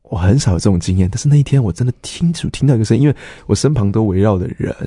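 A man's voice: on the low side, expressive, racing, warm tone, breathy edge, no echo. A middle-aged man, a pastor earnestly telling his personal testimony and acting out the dialogue he quotes.

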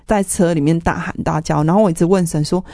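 A woman with a fairly low, dark and mellow voice shares her faith testimony in an interview. She tells it earnestly, with strong emotion running under her words. The sound is close and dry. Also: fairly even intonation, fast talker, dry recording. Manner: earnest, emotional retelling of family conflict. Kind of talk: personal testimony storytelling.

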